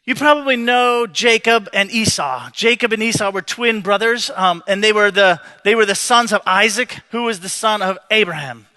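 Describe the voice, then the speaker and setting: Pastor guy preaching, chatty and jokey, kinda high bright voice, restarts a lot. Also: moderate pace, few pauses. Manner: conversational, joking storyteller with frequent restarts. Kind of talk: sermon.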